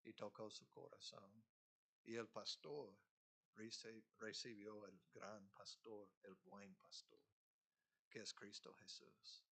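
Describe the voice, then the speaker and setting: A man preaching a sermon as pastor, in an expressive, conversational way. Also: on the low side, slow pace, breathy edge. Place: church sanctuary.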